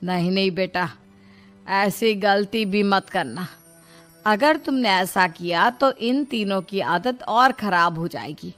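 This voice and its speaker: A woman's voice: mid-range voice, expressive, takes it slowly, fairly bright tone, faint music behind. A woman voicing a shrewd, affectionate middle-aged mother-in-law who admonishes and coaxes in a moral-story cartoon. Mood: shrewd, firm. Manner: admonishing, coaxing.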